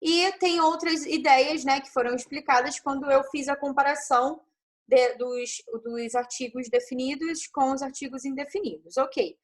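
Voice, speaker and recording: A woman with a high voice teaches an online class through her computer mic. She explains step by step and keeps asking her students if they are following. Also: fairly even intonation, moderate pace. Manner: explains step by step, checks in with frequent tag questions. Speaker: English teacher.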